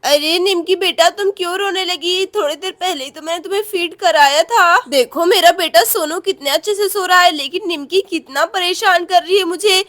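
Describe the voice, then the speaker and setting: A woman's voice: very high-pitched, moderate pace, few pauses, a bit bright. A woman voicing a tired young village mother in a doll story, talking in a sleepy, pleading way.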